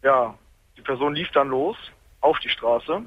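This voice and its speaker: A man's voice: medium pitch, unhurried, husky. Young man on a tinny speakerphone. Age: 20s. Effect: hands-free speakerphone in a truck cab. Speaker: caller. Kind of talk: late-night radio phone-in call. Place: truck cab on the highway. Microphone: car hands-free speakerphone. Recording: tinny phone line, faint road noise.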